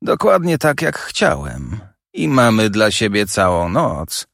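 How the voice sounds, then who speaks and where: A menacing masked young man taunts in a low, slow growl, as a male audiobook reader acts him. The voice is gravelly and deep, with wide swings of pitch. The reading is dry and close. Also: wildly swooping pitch, a bit bright, dry recording, exaggerated voice.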